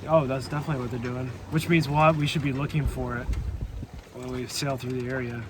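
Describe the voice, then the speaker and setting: A man's voice: medium pitch, level tone, fast. A man narrating casually for a sailing vlog, recorded outdoors on a boat under way. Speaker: sailing vlogger. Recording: loud boat and water noise.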